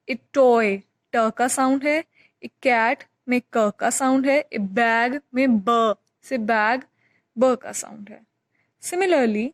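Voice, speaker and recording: A woman's voice: high-pitched, no echo. A woman teacher patiently explaining a grammar lesson, repeating key points with examples. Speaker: English teacher.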